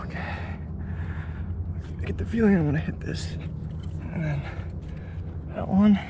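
Clinging to an outdoor rock cliff, a young man with a high-pitched voice mutters halting, slangy short phrases to himself as he strains through the climb. It's captured on a body-worn action camera, clear apart from the outdoor noise.

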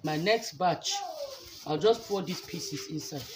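Woman instructor, unhurried walkthrough, mid-pitched voice, noisy phone recording with clear hiss behind her. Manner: slow, chatty step-by-step explaining. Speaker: soap-making instructor. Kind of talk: casual hands-on demonstration. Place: indoor workspace.

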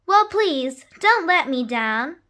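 A woman's voice: high-pitched, big pitch swings, slow, bright, forceful tone, full character voice. A woman voicing a vain, demanding spider queen from a children's storybook.

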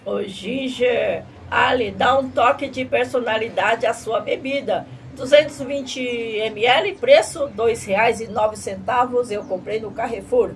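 A woman's voice: fairly high pitch, measured pace, rough recording. A middle-aged woman presenting a tasting vlog in a cutesy anime-streamer manner, sprinkling in Japanese catchphrases. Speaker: vlogger reviewing drinks. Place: tiled home room at a table. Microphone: camera a short distance away. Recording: clear ambient room noise.

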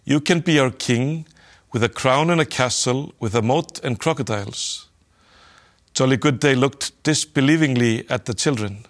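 A man reading a children's story aloud, telling it gently and lifting his voice a little for the children's lines. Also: medium pitch.

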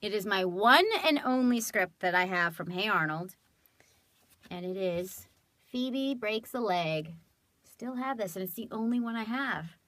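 A woman's voice: mid-range voice, normal speed, no room sound. A woman in her thirties from California, a voice actress chatting casually and animatedly as she shows off keepsakes. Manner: animated, chatty, laughing often. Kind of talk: casual show-and-tell vlog.

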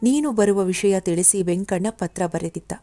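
A woman narrating a story in a steady, measured reading voice. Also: medium pitch.

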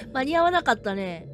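High, lively woman streamer laughing through horror. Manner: rough, blunt casual talk with frequent laughter; bursts into loud shouting at scares. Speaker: game streamer. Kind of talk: live horror game commentary.

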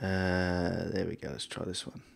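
A man's voice: low voice, flat delivery, unhurried, creaky. A man with an Australian accent hosting a photography live stream, chatting casually and greeting viewers by name. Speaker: photography show host.

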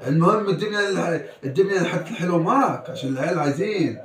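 A man's voice: on the high side, expressive, racing, echoey room, poor audio. A man, chatting with and teasing his small son, scolding playfully and laughing often. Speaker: father.

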